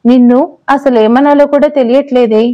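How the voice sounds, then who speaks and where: A woman's voice: high voice, fairly even intonation, normal speed, lo-fi sound, lightly acted. A woman voicing a young husband who teases and bickers with his wife, in an audio story. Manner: playful then exasperated bickering. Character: young husband, teasing, patient office worker.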